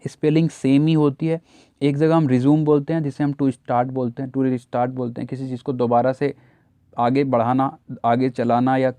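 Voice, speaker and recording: Indian man, english teacher, exam prep, mellow voice, dry close sound. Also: fairly high pitch, no echo. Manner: explains step by step, spells words letter by letter, asks students if they follow. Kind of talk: exam-prep grammar lesson.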